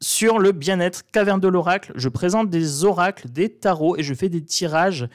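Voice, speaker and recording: A man with a northern French accent talks through a tarot spread in a loose, chatty way, throwing in mocking asides. His voice sits a bit high for a man. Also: normal speed. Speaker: tarot card reader. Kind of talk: casual tarot reading monologue.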